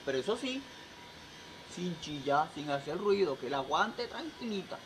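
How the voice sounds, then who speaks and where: A man's voice: fairly high pitch, sing-song, moderate pace. A man voicing a smug, insistent fellow in a told joke, in a slightly raised voice. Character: smug adult man offering a hammock. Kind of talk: joke telling. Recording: noisy background.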